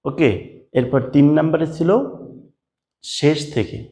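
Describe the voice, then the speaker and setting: A man's voice: fairly high pitch, fairly even intonation, measured pace, mellow. A man teaching pronunciation of letter sounds step by step, patiently drilling the listener with repeated sounds and asking them to repeat after him. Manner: patient, addresses the viewer as brother. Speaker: Quran recitation teacher. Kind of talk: slow step-by-step pronunciation lesson.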